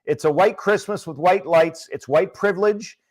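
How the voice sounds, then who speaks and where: A middle-aged man co-hosting a comedy podcast with his wife, teasing her in a deadpan, jokey way. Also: sits high, normal speed, low-quality recording. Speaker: podcast co-host. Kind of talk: comedic couple banter.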